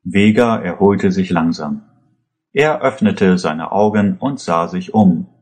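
A man reading a story as an audiobook narrator in an even, measured way. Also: sits low.

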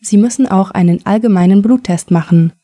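A woman reading the lines of a calm male surgeon who explains treatment in a measured way. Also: medium pitch, no room sound, studio quality, lightly acted.

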